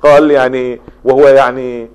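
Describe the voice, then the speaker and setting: A man's voice: mid-range voice, flat delivery, moderate pace, darkish tone, smooth. A man giving a spoken lecture on poetry, explaining step by step and running through long lists of examples. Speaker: literature lecturer.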